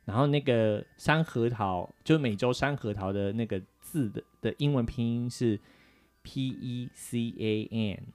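On a laid-back radio chat, a Taiwanese man co-hosting the show talks chattily and fills his explanations with verbal fillers. His medium-pitched voice has a darkish tone and moves a little slowly.

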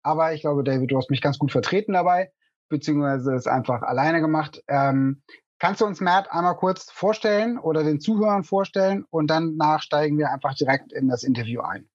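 A man's voice: a little high, brisk, dry recording, muffled recording. A man co-hosting a podcast who speaks hesitantly, with many fillers. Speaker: podcast co-host. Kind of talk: casual podcast chat.

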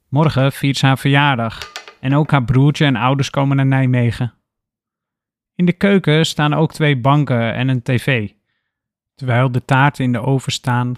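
A man narrating a scripted story in a calm, even storytelling manner. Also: mid-range voice, dry recording, clean studio sound.

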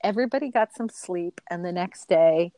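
A woman's voice: on the low side, normal speed, mellow, no room sound. A woman in her forties, a mother telling a chaotic family story as an interview guest, laughing often and acting out her own quotes.

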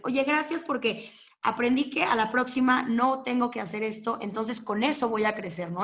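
A woman's voice: medium pitch, a bit bright. A woman host reflecting aloud and asking a question in a casual interview. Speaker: podcast host.

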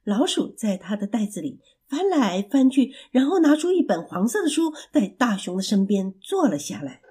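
A woman storyteller reading a children's story aloud in an expressive, animated way. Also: fairly high pitch, moderate pace, slightly rough.

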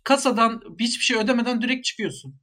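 A young man with a high voice reads out listener questions in a casual podcast. He trips over words and pokes fun at himself along the way. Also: steady tone, fast, pushed and bright. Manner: self-mocking, stumbles over words when reading.

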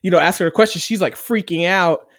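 A man's voice: high voice, quick pace, fairly bright tone, no echo, clean studio sound. A man co-hosting a casual chat, recapping a TV episode in a rambling way, with lots of fillers and acted-out quotes. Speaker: podcast co-host.

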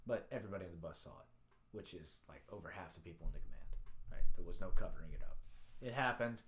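A man's voice: low-pitched, lively intonation, fast, a bit bright. A man casually telling a rowdy story from his Navy days, swearing freely and acting out the dialogue.

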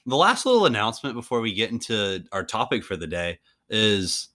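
A man in his early twenties co-hosting a sports podcast, relaxed casual chat with frequent laughs. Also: lowish voice, brisk. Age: 20s. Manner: relaxed, laughs often, trails off. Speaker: podcast co-host.

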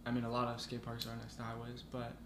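Young man, podcast guest, flat delivery, echoey room, audible background noise. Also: medium pitch, quick pace. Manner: laid-back, rambling with fillers. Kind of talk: casual chat.

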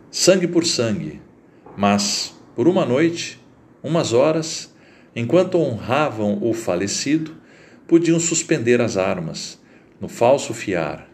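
A man with a mid-range voice narrates a literary short story aloud, reading slowly, deliberately, and with plenty of expression.

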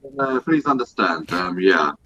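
A man speaking as a news correspondent over a low quality video call, sounding distant and echoey, explaining plainly with many fillers. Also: animated, moderate pace, pushed and bright, lo-fi sound, a little hiss or hum. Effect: low quality video call audio, distant and echoey. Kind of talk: live news discussion. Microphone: video call without working earphones.

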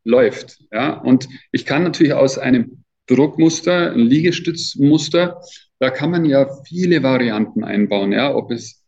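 The interview guest, an athletic trainer in his fifties, speaks unhurriedly in a medium-pitched voice marked by vocal fry and a darkish tone. His manner is casual, colloquial, and emphatic, and the recording quality is dull and lo-fi.

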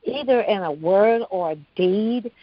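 A woman's voice: medium pitch, measured pace, no echo. A woman hosting a faith-based talk, affirming her guest and telling stories in an encouraging manner. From Texas. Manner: warm affirming, calls listener honey, storytelling. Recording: dry, dull lo-fi sound.

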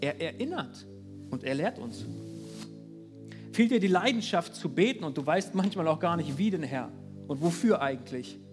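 A male pastor preaching a sermon at a church service, earnest and animated, speaking directly to the congregation. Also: a little high, normal speed, over music.

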